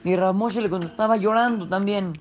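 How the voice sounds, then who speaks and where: A man telling a story to children and speaking directly to them in an unhurried way. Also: high voice, steady tone, soft background music.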